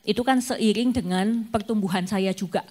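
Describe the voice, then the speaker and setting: A middle-aged woman tells her own story at a family ministry gathering. Her pitch sits in an ordinary middle range. Her delivery is loose and conversational, full of fillers and little tag phrases as she gathers her thoughts. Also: moderate pace, mellow. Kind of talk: personal testimony in a casual talk.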